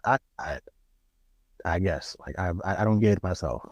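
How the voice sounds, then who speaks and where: In a dry recording, a low-voiced man from Queens, New York, co-hosts a podcast in relaxed conversation. His New York accent comes through as he speaks softly and haltingly, frequently restarting sentences with a self-deprecating air.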